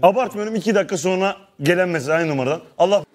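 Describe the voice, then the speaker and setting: Fast, high-voiced man telling stories. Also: slight background noise. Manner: animated storytelling, acting out messages. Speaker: comedian guest. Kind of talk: casual talk-show chat.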